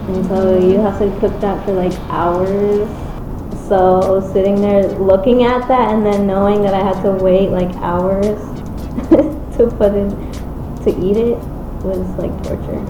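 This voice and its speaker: A woman's voice: medium pitch, steady tone, measured pace, highs cut off. A woman chatting casually and enthusiastically in slangy everyday language as she comments on her home cooking. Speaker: home cook describing her recipe. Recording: roomy echo, music behind. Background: background music.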